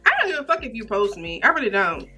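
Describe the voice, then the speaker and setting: A young woman in casual girl-talk, speaking in an animated, emphatic, slangy way. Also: medium pitch, fast talker, faint music behind.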